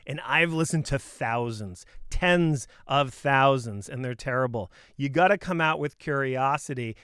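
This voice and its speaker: A sales coach with a mid-range, fairly bright and smooth voice gives an informal, opinionated talk, recorded in studio quality with no echo. He speaks emphatically and conversationally, firing off punchy rhetorical questions.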